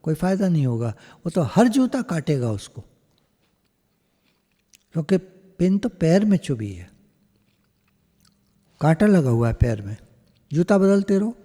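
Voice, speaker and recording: A man giving a spiritual discourse over a video call, slow and emphatic, often slipping into English phrases. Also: a little high, sing-song, warm tone, in a large hall. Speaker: satsang speaker.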